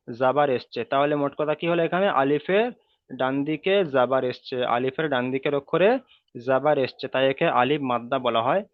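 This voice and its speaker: A man's voice: medium pitch, no echo. A man teaching Quran reading in an online class, repeating each rule patiently and drawing out the vowel sounds. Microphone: video call. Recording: tinny call audio, dry.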